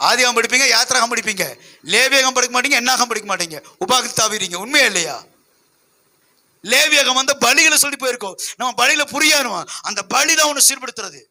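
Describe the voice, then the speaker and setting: A man's voice: very high-pitched, a little fast, sharp tone. A man preaching a sermon as pastor, emphatic and full of rhetorical questions to his listeners.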